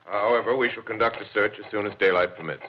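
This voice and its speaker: An actor playing a calm, sceptical astronomy professor in a 1930s radio drama, with a measured, authoritative manner. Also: male voice, lowish voice, natural voice. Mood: calm, dismissive. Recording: muffled, noisy old 1930s radio broadcast.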